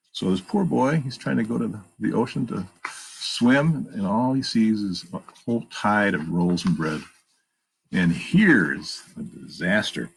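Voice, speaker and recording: The low-quality recording carries slight background noise behind a gravelly, lowish male voice. He's a storytime narrator reading a children's picture book expressively, with straightforward notes on the pictures.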